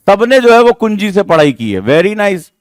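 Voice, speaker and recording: A man's voice: high-pitched, very animated, normal speed, no echo. A man teaching a room of students, with emphatic, rhetorical lecturing that teases and scolds them. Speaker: exam coaching teacher. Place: classroom with students.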